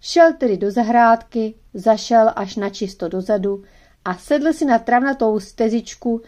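Female narrator, slightly high voice, gentle measured read for kids' audiobook.

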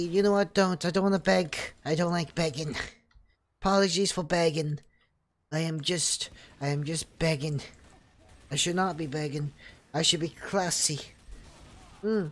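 A young man streaming a game while drunk, rambling and boasting playfully, with sudden shouts when fights break out. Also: high-pitched. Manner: bursts into shouting during fights. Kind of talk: drunken gameplay chatter.

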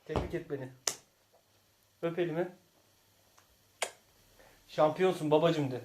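Speaking at a measured pace in a slightly high voice, a father hosts a laid-back family vlog amid background noise. He teases playfully, calls the game scores, and erupts in bursts of laughter.

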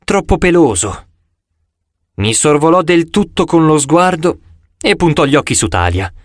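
A man reading an audiobook aloud with expressive, animated storytelling. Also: fairly high pitch, normal speed, no echo, clean studio sound. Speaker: audiobook reader. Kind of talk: scripted audiobook narration.

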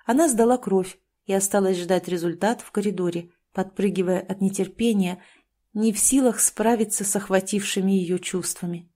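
A woman's voice: medium pitch, moderate pace, dark tone. A woman narrating a novel as an audiobook, telling the story expressively.

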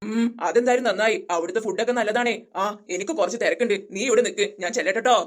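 A voice actor doing a quick-talking cartoon grandma principal. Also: medium pitch, very noisy, lightly acted. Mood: fond. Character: older woman school principal, kindly and knowing. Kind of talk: cartoon voice acting.

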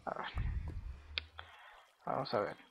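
A man giving casual gameplay commentary as a video host, chatting to himself and repeating words in quick bursts while he plays. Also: a little hiss or hum. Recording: slightly dull lo-fi audio with faint music.

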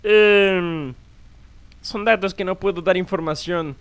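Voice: mid-range voice, slow pace, noisy background. A performer playing a nervous father who hesitates and stammers with many fillers.

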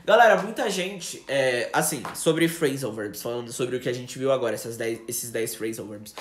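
A man with a Brazilian Portuguese accent teaching English in a casual live lesson, chatty, slowing down for example sentences. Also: medium pitch, echoey room, slight background noise.

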